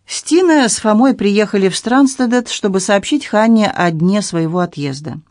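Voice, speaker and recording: A woman reading a novel aloud as audiobook narrator, in a measured, even way. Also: mid-range voice, no echo, studio quality. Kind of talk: scripted narration.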